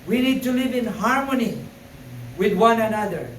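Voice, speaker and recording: In an echoing church sanctuary, a distant male preacher speaks with a very high-pitched voice and lively intonation at a moderate pace, over slight background noise. He stumbles through many fillers, then rises into forceful repetition.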